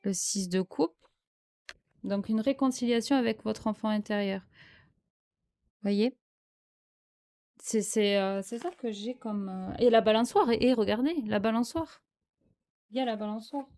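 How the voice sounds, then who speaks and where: This French-speaking woman gives a spiritual tarot reading, hesitating and hunting for words amid plenty of fillers. Her voice is fairly high and darkish in tone, and she speaks unhurriedly with frequent pauses.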